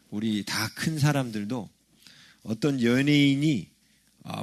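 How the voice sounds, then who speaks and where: A middle-aged male pastor preaching a sermon in a conversational way, often checking in with the congregation through rhetorical questions. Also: on the low side. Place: church sanctuary.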